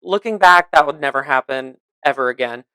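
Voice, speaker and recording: A woman hosting a casual podcast, chatty and joking, reminiscing with quick asides. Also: rumbling low, sharp tone, clear, resonant tone, no echo, clean studio sound. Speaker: podcast host. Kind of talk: casual chat. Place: home.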